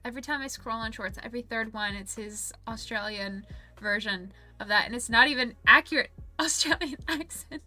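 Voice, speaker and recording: A woman's voice: fairly high pitch, moderate pace, bright, forceful tone, faint music behind. A woman streamer in casual livestream chat, reading viewer messages aloud in a chatty, giggly way.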